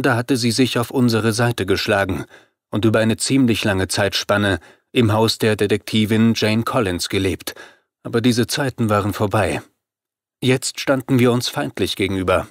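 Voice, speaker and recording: A man reading a horror novel aloud as first-person narrator, in a steady, measured way. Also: fairly low pitch, dry recording, clean studio sound. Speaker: audiobook narrator.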